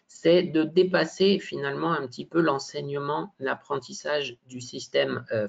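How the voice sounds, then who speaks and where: A man's voice: medium pitch, creaky, husky. A man giving a teacher-training workshop presentation, hesitant, with many fillers and frequent tag questions. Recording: dull lo-fi sound.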